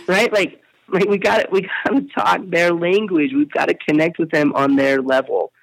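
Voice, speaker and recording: A man being interviewed on a podcast, telling stories in an animated way and often repeating his words as he talks. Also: sits high, a little slow, gravelly, poor audio. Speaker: interview guest, speaker.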